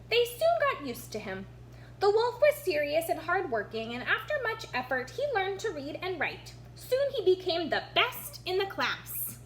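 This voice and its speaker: Narrating a storybook for young children, a woman reads expressively and comments on the pictures in an animated way. She has a high, somewhat bright voice, and a background hum is noticeable.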